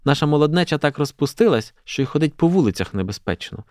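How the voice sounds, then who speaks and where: A woman's voice: deep voice, very animated, fast talker, a little mellow, no echo, clean studio sound, pitched above the performer's own voice. A man voicing a prim middle-aged mother who complains in a fretful, moralizing way. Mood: disapproving.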